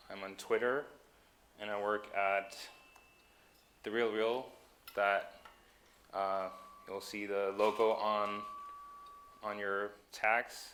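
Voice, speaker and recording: Low, flat-voiced man. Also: clean tone. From Denmark. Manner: frequent ums and self-corrections. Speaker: conference speaker. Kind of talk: tech conference talk.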